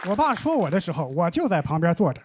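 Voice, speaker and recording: Young male stand-up comic, deadpan storyteller, lively high voice, live stage mic. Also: fast talker, a loud crowd. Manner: deadpan storytelling, mock complaints. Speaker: stand-up comedian. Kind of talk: stand-up comedy set. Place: comedy stage with live audience. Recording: noisy live show audio.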